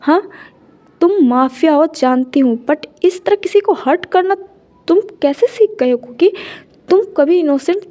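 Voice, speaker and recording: A stern middle-aged mother scolding with indignation, voiced by a woman reading aloud. Her voice sits high yet soft and mellow. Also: lively intonation, unhurried. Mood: angry scolding.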